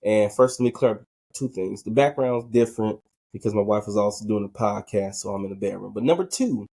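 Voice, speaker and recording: A man's voice: lowish voice, fairly quick, gravelly, dark tone, breathy edge. A male podcast host asking rambling questions in casual talk from a bedroom at home. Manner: rambling, asks questions with restarts.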